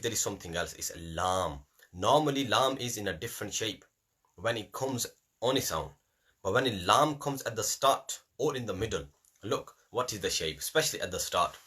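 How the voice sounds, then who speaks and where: Husky, bright-toned male Qur'an teacher. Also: on the low side. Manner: repetitive, drills letters aloud, mixes in Urdu phrases. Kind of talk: classroom lesson.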